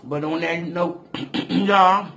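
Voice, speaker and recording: A man's voice: high voice, steady tone, extremely slow, a bit bright, breathy edge, faint music behind. A man hosting a casual eating video, talking while chewing and chatting straight to his viewers, humming over his food. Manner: chatty, addresses viewers directly, hums with food. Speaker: mukbang vlogger.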